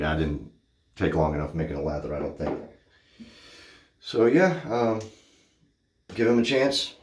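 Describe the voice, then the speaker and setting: A goofy, hyper man in his thirties, a shaving vlogger, talks casually to camera in a small, echoey home bathroom, frequently correcting himself. He has a bass voice with a darkish tone.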